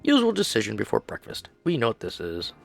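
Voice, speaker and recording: A man narrating a game playthrough, reading the text aloud and adding lively asides. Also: fairly low pitch, fairly quick, vocal fry, soft background music. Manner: animated, reads aloud with asides. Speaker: game streamer.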